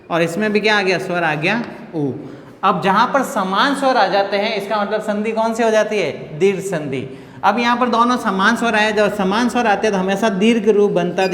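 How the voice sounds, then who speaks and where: Guy teaching at a board, patient, asks and answers himself, echoey hall sound. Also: high voice. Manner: patient, repeats key points, asks and answers own questions. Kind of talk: board lesson explaining grammar. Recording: echoey room with long reverb.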